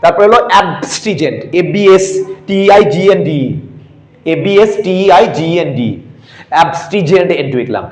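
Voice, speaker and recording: A man teaches a geography class in an echoey room, spelling terms out letter by letter and drilling his students in classroom-lecture style. His voice sits high and is expressive, at a normal speed.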